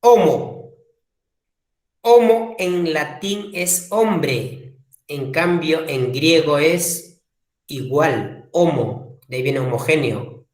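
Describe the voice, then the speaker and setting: A man teaching a language class, slowly repeating key words for emphasis. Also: a little high, expressive. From Peru. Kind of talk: classroom lecture. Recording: echoey room.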